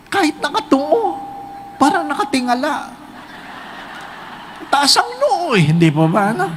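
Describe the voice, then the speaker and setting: A Filipino priest preaches a light, joking homily, his voice high and swinging widely up and down. He tells stories and keeps checking in with his listeners. A faint hum of noise sits under the recording. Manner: joking storyteller, frequent tag questions to the congregation. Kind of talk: humorous homily.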